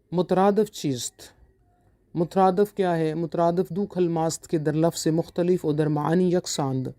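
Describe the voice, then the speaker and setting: A lecturer from Pakistan giving a recorded exam-prep lesson, slowly reading out each definition and then explaining it, often checking in with "okay?". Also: medium pitch, warm tone, dry recording. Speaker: online lecturer.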